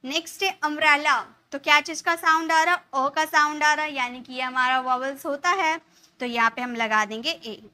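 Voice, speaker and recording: Woman teacher explaining english grammar in hindi, high bright voice, asks herself questions then answers. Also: normal speed. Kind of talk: spoken English lesson in Hindi.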